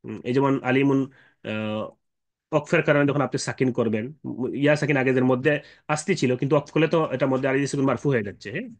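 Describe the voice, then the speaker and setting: A man teaching Quran recitation rules, explaining patiently with fillers and checking questions, and chanting drawn-out examples. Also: medium pitch. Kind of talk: explanatory tajweed lesson.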